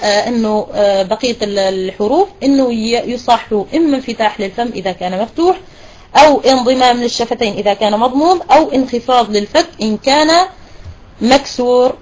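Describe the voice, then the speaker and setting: A woman teaching a tajweed lesson to women students, explaining step by step and slowly repeating words to demonstrate pronunciation. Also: fairly high pitch, darkish tone, poor audio. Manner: praises and questions students. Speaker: Quran recitation teacher.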